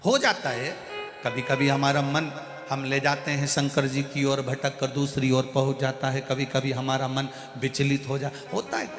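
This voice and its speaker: A man giving a devotional sermon, telling a funny parable with lively acted-out dialogue. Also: medium pitch. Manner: animated, acts out shouted dialogue in the story. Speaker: religious storyteller. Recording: echoey hall with faint music.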